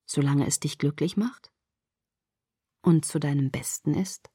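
A woman voicing a calm, gently teasing young man who sits at a hospital bed and speaks softly and patiently. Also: lowish voice, moderate pace, dry recording, clean studio sound. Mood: soft, tender.

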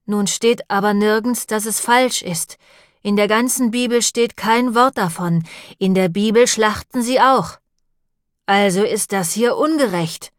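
A woman's voice: mid-range voice, unhurried, dry recording, clean studio sound, lightly acted. A woman reading the lines of a grim, cold-tempered butcher in an audiobook, speaking level and matter-of-fact. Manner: level and matter-of-fact, turning quiet and menacing.

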